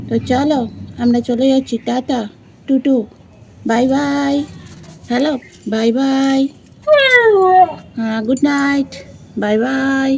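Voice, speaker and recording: A woman's voice: sits high, fairly even intonation, slow, gravelly, pauses often, a little mellow, slight background noise. A woman talking affectionately to dogs in baby talk while filming them. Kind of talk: talking to neighborhood dogs on camera.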